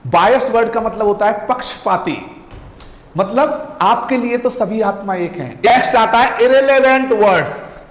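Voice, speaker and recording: A man's voice: high voice, expressive, unhurried. A man from India teaching a communication class, emphatic and repetitive, firing off rhetorical questions and mixing Hindi with English. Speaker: communication coach. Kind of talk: online class lecture. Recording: echoey room with long reverb.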